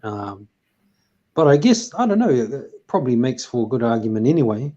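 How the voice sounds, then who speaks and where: A man's voice: mid-range voice, very animated, normal speed, warm tone, dull audio. A man hosting a casual chat, rambling with lots of fillers and restarts. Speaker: host.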